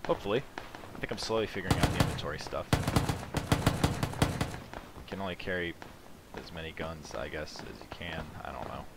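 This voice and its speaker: A man with a lowish voice talks his way through a game in a loose, rambling way. He mocks himself and thinks aloud about what to pick up next. Steady noise sits clearly behind the voice. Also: brisk, long pauses. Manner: rambling, self-mocking asides. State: sleepy, yawning at the start. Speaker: gaming channel host. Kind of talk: casual let's play commentary.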